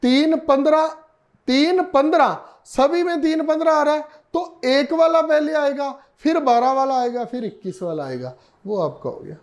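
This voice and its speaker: A male teacher, explaining a reasoning lesson slowly, repeating himself and asking and answering his own questions. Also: extremely high pitch.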